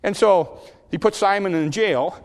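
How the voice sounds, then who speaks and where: A man's voice: sits high, measured pace, big-room sound. A man teaching a Sunday school lesson, telling Bible stories and often repeating words as he starts his sentences.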